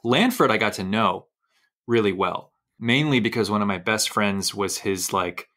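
Male podcast host, a little low in pitch, chatty and animated, wanders through his anecdotes. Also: moderate pace. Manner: animated, rambling storyteller. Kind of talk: conversational interview.

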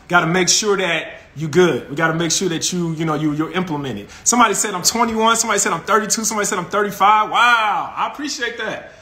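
A man's voice: high voice, pushed and bright, echoey room. A man, hosting a casual live stream from his phone and greeting viewers with an upbeat, laughing manner. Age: 40s. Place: small room with colored lights, indoors. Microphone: phone camera close up.

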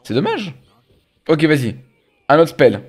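A man's voice: on the high side, measured pace. French-speaking man teasing a bad player. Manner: animated, exclaims often, teasing. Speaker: streamer commenting on gameplay. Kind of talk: casual live gameplay commentary.

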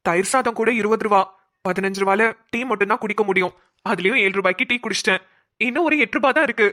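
A woman's voice: medium pitch, bright, forceful tone, natural voice. Woman playing a humble, hungry young cartoon man. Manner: humble, polite, deferential. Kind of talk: homemade cartoon voice acting.

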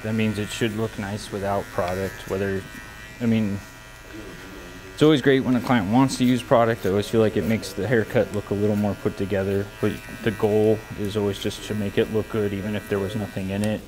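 In an indoor barber shop with brick walls, an American barber with a lowish voice gives a haircut tutorial, speaking briskly in a steady tone. He explains his work in an easygoing way, thinking aloud as he goes. Electric clippers buzz and hum clearly in the background.

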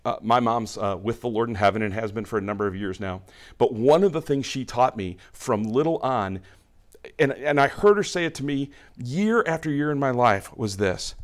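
A male pastor delivers a sermon in a relaxed, talky manner at an ordinary pitch. He repeats words and restarts phrases as he goes, and slips into brief acted-out voices to illustrate his points. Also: moderate pace. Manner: conversational, acts out everyday scenes with voiced asides.

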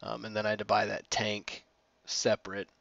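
A man's voice: on the low side, completely flat delivery, normal speed, creaky, fairly bright tone, no echo, muffled recording. A young man casually narrating a timelapse of his own welding work, rambling with plenty of ums and restarts. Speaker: DIY maker narrating his build.

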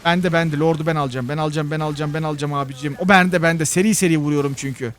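A young man with a fairly high voice talks his way through a mobile game, chatty and excitable. He keeps up a running commentary and often breaks into repeated chants and cheers at the screen. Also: very fast. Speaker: gaming YouTuber. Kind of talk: live gameplay commentary.

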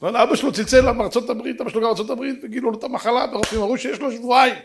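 A man giving a dramatic rabbinic sermon, telling stories and acting out the dialogue, swinging from loud exclamations to hushed asides. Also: very high voice, steady tone. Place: synagogue or lecture hall.

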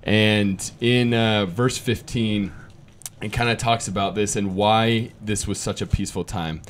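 Brief: young male co-host, low-pitched, casual and upbeat, a faint hiss behind him. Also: fairly even intonation. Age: 20s. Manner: casual and upbeat, quick asides, reads verses aloud. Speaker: podcast co-host. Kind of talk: podcast conversation with scripture reading.

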